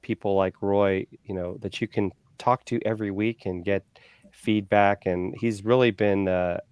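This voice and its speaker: A man in his forties co-hosting a casual online show, chatty and upbeat, giving shout-outs with lots of fillers. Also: on the low side, steady tone, moderate pace, clean tone, no room sound, lo-fi sound. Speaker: co-host.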